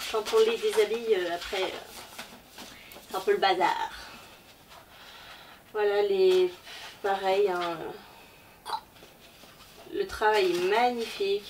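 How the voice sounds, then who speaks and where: Her mid-range voice has a slightly mellow quality. In this casual book haul vlog, the woman chats hesitantly and fills gaps with lots of fillers, captured by a faraway mic over faint background noise.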